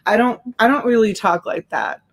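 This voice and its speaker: A woman in her forties with a slight Boston accent hosts a casual live-stream auction from a home room with shelves, greeting viewers by name with endearments. Her medium-pitched voice swings widely in pitch at a moderate pace, picked up by a desk USB mic.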